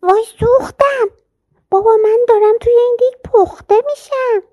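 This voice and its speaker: A man's voice: no echo, muffled recording. A man voicing a tiny, cheeky talking chickpea boy who squeals for help, in a storybook reading. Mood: panicked. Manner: squealing high cries for help.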